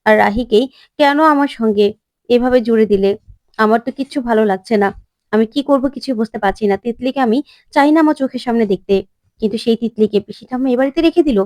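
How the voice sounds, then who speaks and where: A woman's voice: a little high, quick pace, darkish tone, no room sound, studio quality, natural voice. Woman voicing an angry young husband. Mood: anguished. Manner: pleading, then sharply rejecting.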